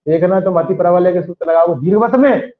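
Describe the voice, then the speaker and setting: The speaker is a man with a high-pitched voice and a fairly quick delivery, teaching maths with a western Uttar Pradesh Hindi accent. He asks his students questions and reinforces key points in a lecture recorded in an echoey, dull, lo-fi classroom.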